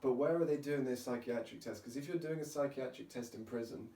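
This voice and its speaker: A podcast host with a warm, mid-range voice talks fast in casual, jokey chat, firing off lots of questions. The recording sounds roomy and distant, with a faint hiss.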